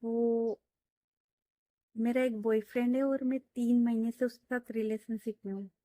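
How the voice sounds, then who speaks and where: A woman voicing a shy, innocent young woman who talks in halting starts as she reads a story aloud. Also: on the high side, steady tone, mellow, no room sound, natural voice. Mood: hesitant. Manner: hesitant, halting.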